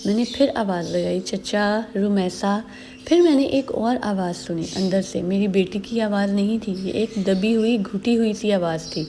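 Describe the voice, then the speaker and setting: A woman narrating a first-person story in a measured, earnest way. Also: mid-range voice, mellow, a little hiss or hum.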